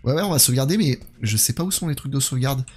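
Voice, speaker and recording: Streaming a horror game live, a man speaks rapid-fire in an expressive, slightly mellow mid-range voice with a breathy edge. He chats with viewers and voices his thoughts as he plays.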